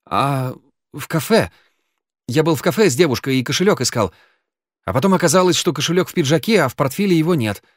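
A man reading an audiobook, voicing a frantic young man who swears he is innocent, his voice high and loud with fear. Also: sing-song, normal speed, dry recording, clean studio sound. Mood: pleading. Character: panicky young man, accused, pleading.

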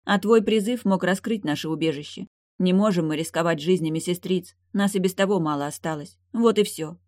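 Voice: medium pitch, fairly quick, a little mellow, dry recording, clean studio sound, close to an everyday voice. A reader voicing an earnest elder lake maiden in an audiobook, speaking firmly. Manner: firm, earnest.

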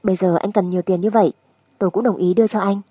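A woman narrator plays a wife who has made up her mind in a dramatic audiobook. Her voice is mellow and slightly husky, recorded very dry. She stays composed, firm and insistent. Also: medium pitch, steady tone, rapid-fire, dry recording, close to an everyday voice. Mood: calm, resolute. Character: resolute, composed young wife demanding a divorce.

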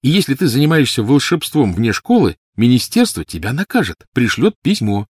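A man's voice: mid-range voice, very animated, fairly quick, husky, dry recording, studio quality, voice pushed up. A man voicing an awkward, intense skinny boy who speaks earnestly and turns scornful.

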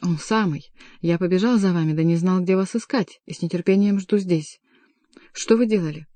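A woman reading the part of an anxious, weary king in an audiobook, hushed and brooding. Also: lowish voice, normal speed, no room sound, lightly acted.

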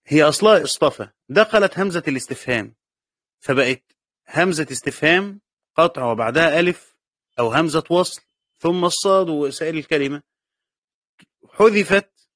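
A man with an Egyptian accent gives a classroom lecture on a written text. He speaks in a somewhat high register and reads passages before explaining them, often repeating the key words. The recording is dry and close, with no room echo. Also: fairly bright tone. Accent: Egyptian Arabic. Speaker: teacher of Quran commentary.

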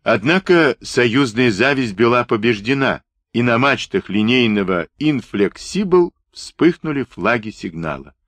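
A man's voice: mid-range voice, expressive, a little slow, fairly bright tone, dry recording. Guy reading a novel aloud, dramatic, voice goes all over the place, dry close sound. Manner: dramatic, vivid storytelling. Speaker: audiobook narrator. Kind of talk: expressive scripted narration.

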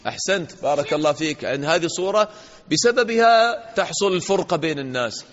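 A fast-talking sheikh with a fairly high, expressive voice runs an interactive religious class for children. He poses questions, commends their answers, and performs small dialogues, while the hall's reverb and dull lo-fi audio color the sound.

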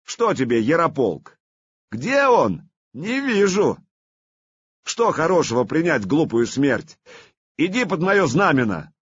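Proud warrior prince, voiced by a man, shouting across the battlefield, husky strained voice, storybook reading. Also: a little high, big pitch swings, takes it slowly, pauses often, no echo, highs cut off, pitched above the performer's own voice, heavily acted. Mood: booming commanding.

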